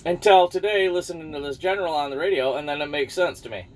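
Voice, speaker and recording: A man's voice: on the high side, fast talker. A man rambling casually about the news to his viewers, losing his thread now and then and swearing offhand. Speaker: vlogger.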